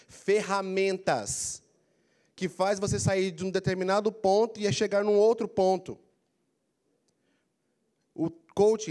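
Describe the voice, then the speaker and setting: Lively high-voiced Brazilian coaching lecturer. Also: male voice. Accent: Brazilian Portuguese. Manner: animated, prompts audience to repeat phrases. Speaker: career coaching speaker. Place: large council auditorium. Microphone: handheld mic, walking the floor.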